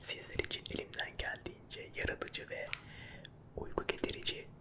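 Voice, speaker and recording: A man doing playful ASMR chat in a quiet, hushed late-night whisper. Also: normal speed. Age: 30s. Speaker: ASMR creator and game contestant. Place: small dim room at a desk, indoors. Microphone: close microphone with furry windscreen.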